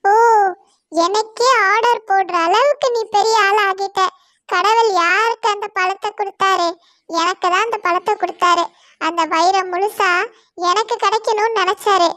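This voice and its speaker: A woman's voice: very high-pitched, a little slow, pushed and bright, dry recording, studio quality, heavily acted. A woman voicing a greedy, bossy young female bird who orders her sister around in a scornful, commanding way.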